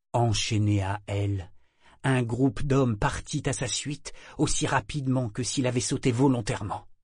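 Man reading a pirate adventure story, steady, dry close sound. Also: mid-range voice, slightly rough, dry recording. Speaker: audiobook narrator. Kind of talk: scripted narration.

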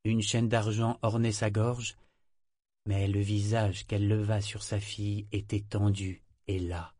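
A man narrating an audiobook in a measured, expressive reading. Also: on the low side, dry recording, studio quality. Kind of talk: scripted narration.

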